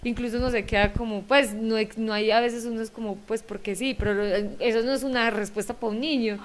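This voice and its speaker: Colombian woman host, friendly, draws guests in, slightly high voice. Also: steady tone, a little fast. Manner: friendly, asks others for their view. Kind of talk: talk-show discussion.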